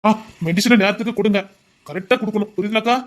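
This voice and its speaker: A man playing a gentle, dutiful village policeman who speaks softly and reassuringly. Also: sits high, quick pace, close to an everyday voice. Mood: calm. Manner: soft-spoken, reassuring.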